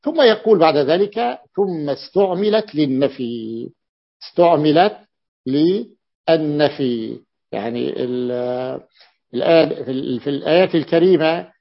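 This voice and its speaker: A man teaching a classical grammar lesson as a sheikh, deliberate and repeating key words, with an "ah" between points. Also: fairly high pitch, animated, creaky. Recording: muffled lo-fi recording.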